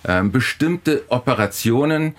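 Medium in pitch and expressive, this man keeps a measured pace. As a guest philosophy professor in a discussion, he argues and explains with emphasis, frequently starting over and repeating himself.

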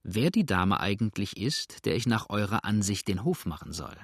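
A man reading an audiobook voices a gruff, grumbling older frontier rider with a curt manner. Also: lowish voice, very animated, moderate pace, fairly bright tone, no echo, clean studio sound, exaggerated voice. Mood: sly.

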